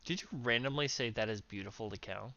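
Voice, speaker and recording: Bright-voiced man on a muffled mic. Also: mid-range voice, a little fast. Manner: chuckling, easygoing. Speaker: channel host. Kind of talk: casual voice chat.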